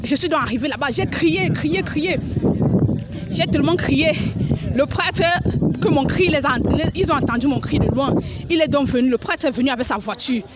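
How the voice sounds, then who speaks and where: A woman's voice: high-pitched, a little fast, heavy background noise. A woman giving an emotional religious testimony, dramatic and repetitive, crying out as she relives the scenes. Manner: dramatic, repeats phrases, cries out and acts out scenes.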